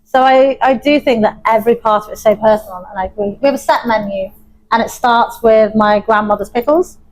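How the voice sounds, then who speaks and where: A woman's voice: on the high side, a little fast, a little hiss or hum, rough recording. A young adult woman from Wales, a chef and pub owner, talking in an interview with enthusiasm and frequent laughter. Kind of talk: interview conversation.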